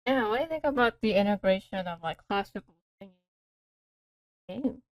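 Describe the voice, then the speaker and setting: A woman's voice: mid-range voice, expressive, fairly quick, dry recording. Eager woman host explaining game lore. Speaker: VTuber host. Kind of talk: casual reaction chat.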